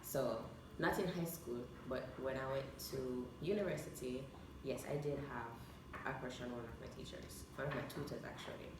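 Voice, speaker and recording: Low-voiced woman in echoey room. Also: normal speed. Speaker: vlog host. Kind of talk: casual chat to camera. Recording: echoey room, distant mic, clear noise.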